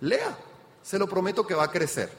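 Energetic high-voiced man in an echoing hall. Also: normal speed. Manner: energetic, addresses the audience directly with rhetorical questions. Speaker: business speaker. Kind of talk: motivational seminar talk. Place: event hall with an audience. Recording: reverberant hall sound.

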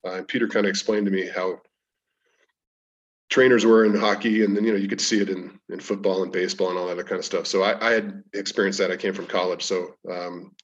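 Low-voiced man telling stories, distant and muffled. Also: level tone, fairly quick. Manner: rambling, anecdotal, frequent restarts. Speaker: podcast guest, strength coach. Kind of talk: casual storytelling interview. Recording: distant, dull lo-fi sound.

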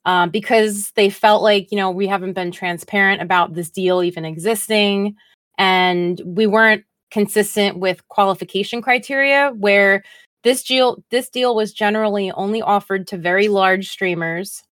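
A woman's voice: medium pitch, steady tone, moderate pace, a bit bright, no echo, studio quality. A woman co-hosting a podcast, chatting casually and getting indignant about the news. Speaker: podcast co-host.

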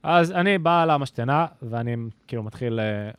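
Animated man telling a story, dry sound. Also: mid-range voice, smooth, no echo. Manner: animated storyteller, lots of fillers and slang. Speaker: podcast co-host. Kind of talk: casual chat. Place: recording studio.

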